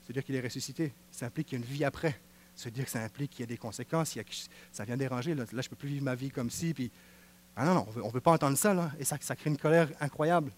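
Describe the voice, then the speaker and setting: A man preaching a sermon with a Quebec French accent, swinging from hushed passages to fervent exclaiming. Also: mid-range voice, racing, slight background noise. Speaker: pastor.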